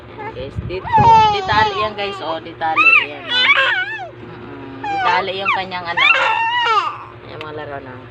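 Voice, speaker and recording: A woman's voice: very high-pitched, wildly swooping pitch, unhurried, recorded from a distance, heavy background noise. A woman, cooing in singsong baby talk to her infant and chatting to her viewers. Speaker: mother vlogging her baby.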